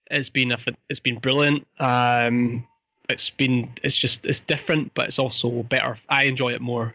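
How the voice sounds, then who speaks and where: Scottish guy from fife chatting on a podcast, bright voice, dry slightly dull call audio. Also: medium pitch, no room sound. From Fife, Scotland. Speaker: podcast guest, business owner. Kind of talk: casual interview talk.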